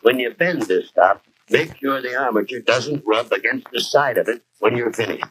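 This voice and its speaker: An American actor playing a seasoned, avuncular mechanic giving folksy practical tips in a scripted 1940s training film. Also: male voice, medium pitch, moderate pace, a bit bright, natural voice. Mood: advising. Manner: folksy, advising. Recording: noisy 1940s film soundtrack.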